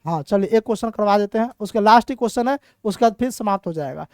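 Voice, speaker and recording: Young man, exam tutor, chatty rhetorical questions, smooth voice, dry close sound. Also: sits high, animated, quick pace, no room sound. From Bihar, India. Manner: chatty, asks rhetorical questions and answers himself. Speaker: teacher. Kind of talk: exam-prep reasoning lesson.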